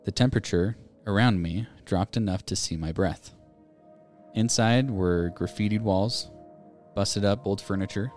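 Over soft background music, a man with a lowish voice speaks a little slowly as he co-hosts a podcast. He reads listener ghost stories aloud in a steady storytelling manner, with casual chat in between.

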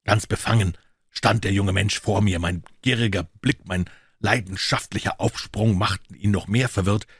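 A man reading a story aloud as a first-person narrator, with a slow, earnest and emotionally charged delivery. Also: on the low side, steady tone, a bit bright, breathy edge, no echo, clean studio sound. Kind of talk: dramatic audiobook reading.

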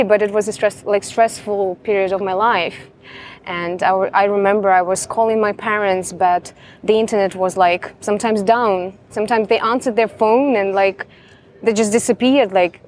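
A woman's voice: medium pitch, slight background noise. Young woman telling her story. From Ukraine. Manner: chatty, fills with "like" often. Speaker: guest. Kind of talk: casual interview storytelling.

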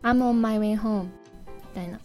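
A woman giving a casual spoken lesson, explaining slowly and repeating English phrases with careful pronunciation. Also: on the high side, mellow. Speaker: English teacher. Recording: faint music behind.

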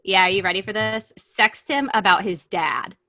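A woman's voice: medium pitch, animated, normal speed, a crowd in the background. A woman co-hosting a casual podcast chat, blunt and profane, reading items from a list and laughing often. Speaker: podcast co-host.

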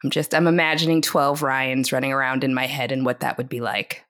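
A woman's voice: a bass voice, level tone, brisk, fairly bright tone. A woman co-hosting a casual podcast, upbeat and asking her partner questions. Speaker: co-host.

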